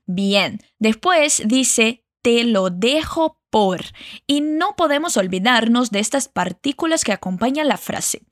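A woman teaching a lesson, modeling phrases slowly and carefully for learners to repeat. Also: fairly high pitch, animated, dry recording, studio quality. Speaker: Spanish teacher. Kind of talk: language lesson narration.

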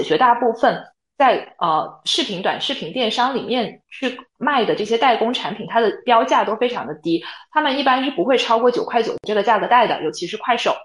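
A woman's voice: fairly high pitch, roomy sound, poor audio. Podcast lady breaking stuff down point by point, voice bounces around a lot. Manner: measured, explains point by point. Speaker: podcast co-host. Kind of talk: casual analytical chat.

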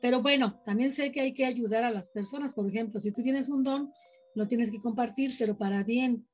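A woman's voice: fairly high pitch, a little fast, soft background music. A woman with a Mexican accent telling a personal story in casual chat, animatedly acting out the voices of people she quotes. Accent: Mexican Spanish. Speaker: podcast guest sharing paranormal experiences.

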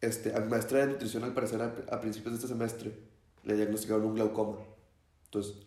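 A man's voice: lowish voice, quick pace, reverberant. A young man, a student, telling a story in casual chat and acting out the quotes. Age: young adult. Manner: animated storyteller, acts out shouts and quotes.

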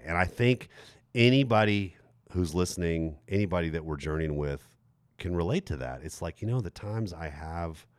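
A middle-aged man hosting a podcast, telling a self-deprecating story in an animated way. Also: low voice, no room sound. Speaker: podcast host. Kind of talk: storytelling chat.

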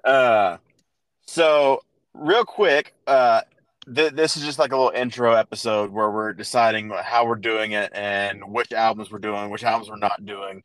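A man's voice: lowish voice, fairly even intonation, a little slow, a bit bright, no room sound, low-quality recording. A man in his thirties hosting a casual podcast, telling a long story with restarts and fillers. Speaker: podcast host. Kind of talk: casual chat.

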